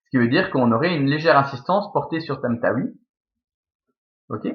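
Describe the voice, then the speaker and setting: A man's voice: medium pitch, animated, moderate pace, dull audio. A man with a Belgian French accent teaching Latin verse scansion, thinking aloud step by step with many fillers.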